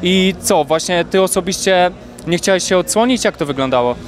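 Young male reporter, long rambling questions, fillers, slightly high voice, outdoors, handheld mic. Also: a little fast. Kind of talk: post-fight interview. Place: outdoors at an event press wall.

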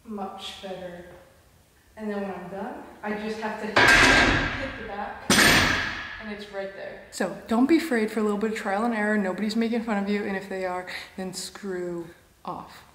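A woman's voice: mid-range voice, fairly even intonation, normal speed, roomy sound, very noisy. Chatty young woman giving gym tips. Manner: chatty, encouraging, says "literally" often. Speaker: fitness creator. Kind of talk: casual instructional vlog. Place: gym, then parked car, then bedroom.

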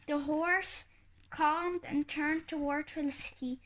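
A woman reading a children's book aloud, halting now and then with slips and restarts. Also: sits high, fairly even intonation, a bit bright. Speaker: reader.

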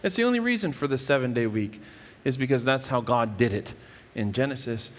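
Reverb from the church hall surrounds a pastor in his thirties as he preaches on a stage in front of a wood-paneled wall. He lays out scripture earnestly, often restarting phrases, in a mid-range voice that is animated and brisk.

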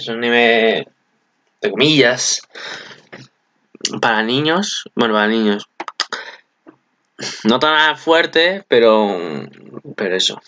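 A man with a Peninsular Spanish accent giving casual, excitable video commentary and swearing freely. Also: medium pitch, lo-fi sound, a little hiss or hum. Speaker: anime commentator.

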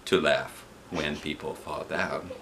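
A man in his thirties takes it slowly as he reads a children's book to kids from his living room couch, using playful character voices and asides. He has a very deep voice, and there's a little hiss or hum.

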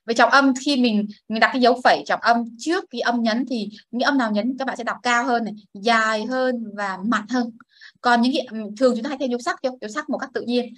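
A woman teacher runs a classroom lesson, her voice sitting a little high. She explains patiently and models each word for the class to repeat, and the sound is close and dry with little room echo. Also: brisk, a bit bright. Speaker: English teacher. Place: classroom with students.

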